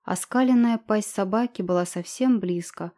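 A woman's voice: medium pitch, normal speed, dark tone. Woman narrating an audiobook. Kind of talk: scripted narration.

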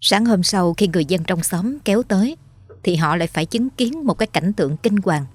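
A woman's voice: mid-range voice, animated, brisk, breathy edge. A woman storyteller giving a dramatic, scripted horror narration. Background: faint music.

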